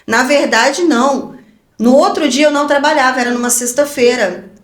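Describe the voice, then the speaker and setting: A woman giving an animated personal testimony as a guest evangelist, laughing often and acting out her own quoted words. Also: high voice, normal speed. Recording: roomy echo.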